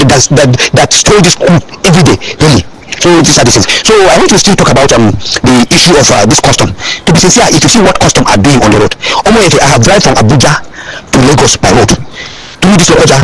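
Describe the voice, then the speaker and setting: A man with a Nigerian English accent speaks in a recorded voice note played on air, talking fast and emphatically. His voice sits a little high for a man. Steady noise runs under the voice note recording. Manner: emphatic and complaining. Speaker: listener sending a voice note. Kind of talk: call-in opinion message.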